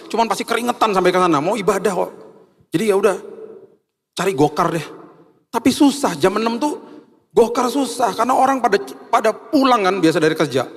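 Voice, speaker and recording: A male pastor preaching a lively, storytelling sermon and leading a prayer. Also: fairly high pitch. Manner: lively, storytelling, acts out the dialogue. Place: church hall. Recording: reverberant church hall.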